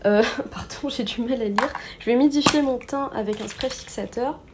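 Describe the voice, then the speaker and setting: A chatty young woman talks through her makeup routine at home, her voice sitting a touch high. She drifts along with fillers and quick self-corrections, in an easygoing vlog tone. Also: heavy background noise. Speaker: beauty vlogger. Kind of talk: casual makeup tutorial narration.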